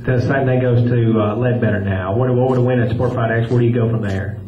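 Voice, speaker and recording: A man's voice: mid-range voice, fairly even intonation, quick pace. A man making informal remarks as a fight promoter at a press conference. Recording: echoey room, dull sound, faint noise.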